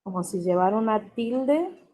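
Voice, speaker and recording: Slow, mellow woman teaching vocabulary. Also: mid-range voice, animated, rough recording. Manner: spells out and repeats words slowly and carefully. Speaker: English teacher. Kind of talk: classroom vocabulary lesson.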